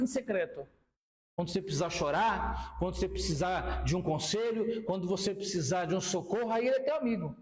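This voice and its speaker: A man preaches with a strikingly high voice that rings in an echoey room. His sermon is animated and full of questions thrown to the congregation.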